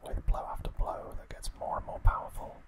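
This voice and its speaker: An ASMR host recaps an anime series, narrating slowly and unhurriedly in a hushed, breathy, unvoiced whisper.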